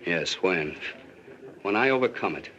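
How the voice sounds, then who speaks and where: A man playing a brooding, self-important pianist with deadpan, blunt delivery in 1940s screwball comedy banter. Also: deep voice, measured pace, slight background noise. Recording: dull old film soundtrack with music.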